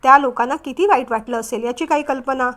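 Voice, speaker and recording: A woman's voice: high-pitched, fast. A woman voicing a stern, protective elder brother who speaks sharply. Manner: sharp, scolding.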